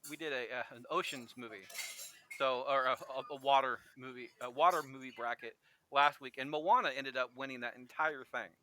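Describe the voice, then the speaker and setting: Bright, clear-voiced male podcast host. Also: medium pitch, fairly quick. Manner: joking, rambling, with frequent restarts. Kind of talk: casual podcast chat.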